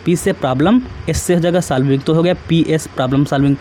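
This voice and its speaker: Man, exam tutor, repetitive casual explaining, slightly high pitch, faint street noise. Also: fast talker, mellow. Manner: repetitive, asks students questions, adds tag questions.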